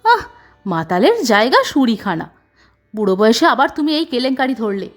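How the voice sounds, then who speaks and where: A woman voicing a suspicious older wife who questions her husband with sharp, accusing retorts in a storybook reading. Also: a little high, very animated, moderate pace, soft background music.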